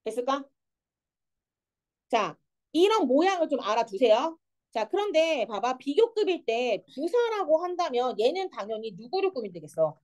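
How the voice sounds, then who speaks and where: A woman's voice: sits high, normal speed. A young woman teaching an English grammar lesson, explaining step by step and often checking whether the students follow. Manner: lively, keeps checking understanding with students.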